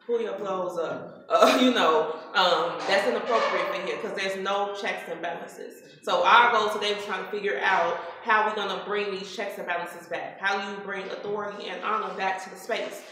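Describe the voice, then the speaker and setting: A woman's voice: medium pitch, fairly even intonation, normal speed, few pauses, pushed and bright. Host type: woman, emphatic and preachy, heard in a big reverberant hall. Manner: emphatic, preachy, repetitive rhetoric. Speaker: radio host. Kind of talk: impassioned talk at a live event. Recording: very echoey hall, faint noise.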